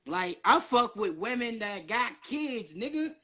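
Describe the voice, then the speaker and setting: A man's voice: very high-pitched, sing-song, measured pace, bright, forceful tone. A man in his early twenties rambling nonstop on a casual livestream, slangy and full of swearing. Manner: profane, slangy. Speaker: guest on a social media live stream.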